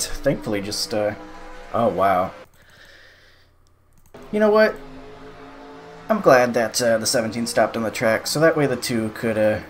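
A man's voice: medium pitch, slight background noise. Sarcastic young man commenting on a race. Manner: sarcastic, exasperated remarks. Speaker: sim racing YouTuber. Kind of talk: casual race replay commentary.

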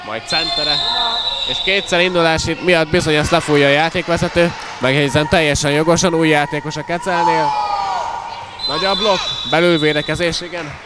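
A man giving excited live sports commentary in an animated way, exclaiming and calling out players' names. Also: on the high side. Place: indoor school sports hall during a match. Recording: noisy echoing crowd, live match sound. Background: loud crowd and bouncing ball.

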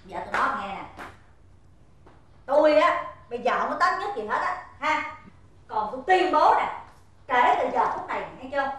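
A woman playing a grumpy, sharp-tongued middle-aged neighbor in a stage comedy sketch, scolding and sarcastic. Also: high voice, lively intonation, moderate pace, pauses often, very echoey, recorded from a distance, slight background noise. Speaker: comedy skit actor.

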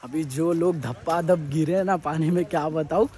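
A young adult travel vlogger walks through a forest on a trek, talking chattily and enthusiastically to his phone camera held at arm's length. His voice is a little high and a little mellow, at a normal speed.

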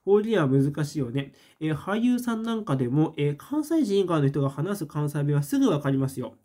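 A man's voice: on the high side, big pitch swings, fairly quick, mellow. Man musing casually with many fillers. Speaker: host. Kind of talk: casual livestream chat reading comments.

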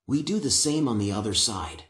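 An older man giving calm, patient, step-by-step woodworking instructions in a workshop, on a lapel mic. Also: medium pitch, normal speed, echoey room. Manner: calm, patient, methodical explanation.

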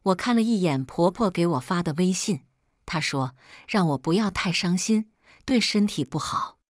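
Woman storyteller, low voice, steady measured reading, dry close sound. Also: no echo. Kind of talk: first-person scripted story narration.

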